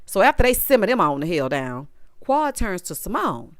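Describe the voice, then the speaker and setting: A woman's voice: medium pitch, normal speed, no room sound, studio quality. A woman hosting a reality TV recap with casual, sassy commentary full of slang and teasing asides. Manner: sassy, animated, drawling slang.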